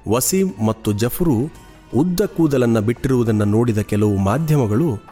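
Male narrator, scripted true-crime story, steady measured delivery, mid pitch, faint music bed. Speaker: podcast narrator.

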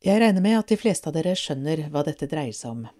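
A woman's voice: low voice, sing-song, mellow. A woman reading the lines of a stern male schoolteacher lecturing his class in a storybook.

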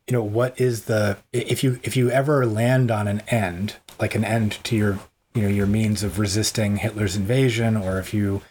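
A man's voice: fairly low pitch, a little mellow, a little hiss or hum. A man co-hosting a podcast in casual chat, joking, rambling and often laughing. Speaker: podcast co-host.

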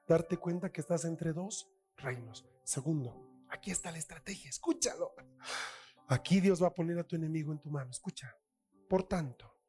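A man's voice: high-pitched, a little mellow. Chilean preacher guy, dramatic, does whispery tempter voices, faint music behind. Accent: Chilean Spanish. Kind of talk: sermon.

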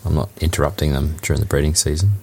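A man's voice: a bass voice, little pitch movement, racing, vocal fry, a little mellow, husky. An Australian man co-hosting a podcast, talking about his projects in an easygoing, plain-spoken casual chat over a remote call. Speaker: podcast co-host.

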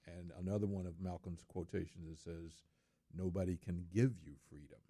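A man's voice: low-pitched, fairly even intonation, normal speed, mellow, no echo. A middle-aged man in casual studio talk, speaking earnestly and repeating words for emphasis.

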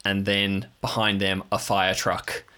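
A man improvising narration as a tabletop game master, halting as he searches for words. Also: deep voice, completely flat delivery, over a noisy crowd.

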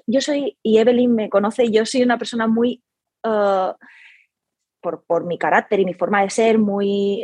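Husky, higher-voiced woman talking reflectively. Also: darkish tone, dry recording. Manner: reflective, hesitant, many restarts. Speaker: guest, pilates studio owner. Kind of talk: casual conversational interview.

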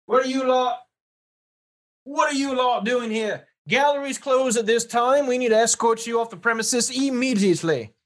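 Officious guard, pitched way up, curt and formal, man putting it on. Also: normal speed, fairly bright tone. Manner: brusque, formal. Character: stern male museum guard, officious.

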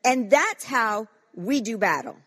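A woman's voice: a little high, very animated, a little slow, fairly bright tone, husky. A woman pastor preaching a fervent sermon and leading corporate prayer, acting out quoted voices with frequent restarts.

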